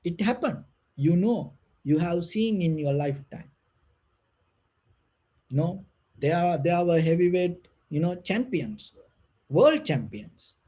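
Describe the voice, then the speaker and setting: A man who speaks English as a second language gives an unscripted spiritual talk as a meditation teacher, gentle and halting, with a soft breathy voice and repeated phrases. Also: sits high, sing-song, rough recording. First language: not English.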